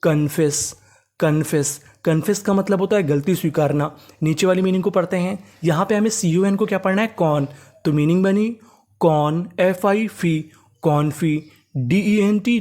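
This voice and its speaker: A man teaching a reading class. He spells words out letter by letter, repeats them slowly, and keeps asking the class rhetorical questions. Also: fairly high pitch, a little mellow. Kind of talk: classroom-style reading lesson.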